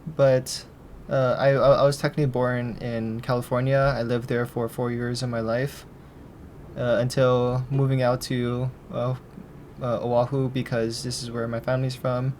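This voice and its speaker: This is a young man in his twenties from Hawaii, a film student being interviewed. He talks in a flat, even tone and answers hesitantly, often stopping and restarting his sentences. A faint rumble sits behind his voice. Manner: halting and hesitant, full of restarts.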